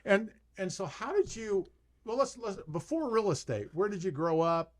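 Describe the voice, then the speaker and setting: A man's voice: high voice, expressive, normal speed. An older man hosting a casual real estate interview, friendly and a bit stumbling. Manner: friendly, stumbling over words. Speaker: podcast host, mortgage lender.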